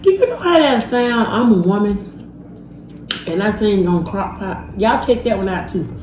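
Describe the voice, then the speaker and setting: A woman's voice: mid-range voice, moderate pace, echoey room, slight background noise. A woman, chatting casually and teasing while eating on camera with her husband. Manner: lively, teasing, laughs often. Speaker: channel host. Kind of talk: casual mukbang chat.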